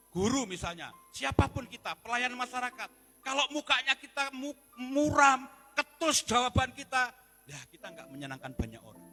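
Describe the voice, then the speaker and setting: A man with a Javanese accent, a pastor preaching a sermon in an animated, joking way. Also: sits high. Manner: animated, joking, acts out quoted voices. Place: church service.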